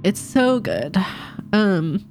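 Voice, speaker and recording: A woman's voice: mid-range voice, sing-song, extremely slow, over music. A woman podcast co-host who reads a novel aloud and then chats, effusive and emotional, weepy and sneezy from allergies. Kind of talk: reading a novel aloud, then casual chat.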